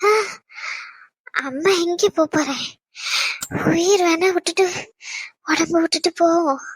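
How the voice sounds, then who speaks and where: This is a frail elderly mother near death in an animated drama, with a woman doing the voice. The voice sits very high and thin, soft and weak, and keeps running out of breath. It is recorded dry and close. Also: unhurried, no echo. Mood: tender, pleading. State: short of breath.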